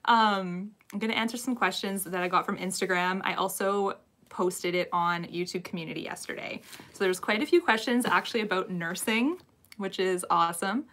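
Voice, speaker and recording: A woman's voice: medium pitch, moderate pace, a bit bright. A young woman hosting a live Q&A from home on her phone, nervous and giggly as she greets viewers by name. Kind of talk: casual live-stream chat.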